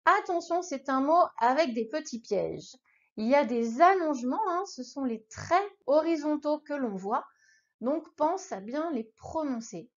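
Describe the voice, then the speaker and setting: A woman's voice: high-pitched, lively intonation, a little slow, muffled recording. A woman teaching a beginner language lesson, patiently leading repeat-after-me drills and cheering the listener on. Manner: patient, encouraging, addresses the listener informally.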